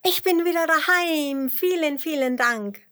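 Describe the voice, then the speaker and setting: A woman's voice: fairly even intonation, takes it slowly, vocal fry, full character voice. A woman voicing a small male earthworm who is lost and tearful, in a children's story. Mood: overjoyed. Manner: high squeaky voice. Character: small sobbing earthworm boy, shy then overjoyed.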